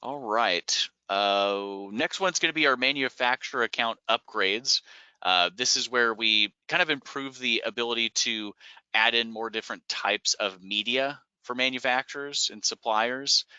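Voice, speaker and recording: A man from a software company presents product updates in a webinar screen-share walkthrough. His voice is bright, crisp, and medium-pitched, a little slow, relaxed and explanatory with frequent "uh" and "um." The recording is muffled but has no echo.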